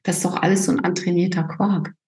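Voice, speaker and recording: A woman's voice: lowish voice, level tone, fast talker, a little mellow, roomy sound, poor audio. A woman coach talking emphatically in a casual interview, often ending her points with a tag question.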